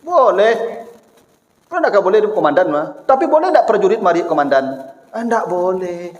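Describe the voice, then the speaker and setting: A man preaching with a Minangkabau accent, his high voice swooping up and down as he teases his listeners. His sermon rings through a large echoing hall with a long reverb tail. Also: moderate pace, lo-fi sound. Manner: lively and teasing, acts out everyday exchanges. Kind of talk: lecture-style sermon.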